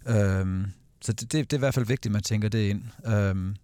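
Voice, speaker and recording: A man speaking as a guest in a casual panel discussion, pausing often with fillers and restarting sentences. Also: fairly low pitch, mellow, clean tone, no echo. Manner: hesitant, many fillers and restarts.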